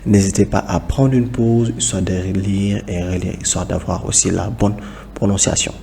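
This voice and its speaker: A man teaching a language lesson, calmly repeating each word for pronunciation practice. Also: sits low, normal speed, vocal fry, a little hiss or hum.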